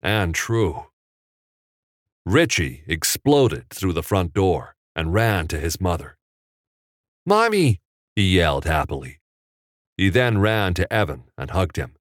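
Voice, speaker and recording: A man narrating an audiobook in a measured, steady storytelling manner on a close studio mic. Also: low voice, no echo.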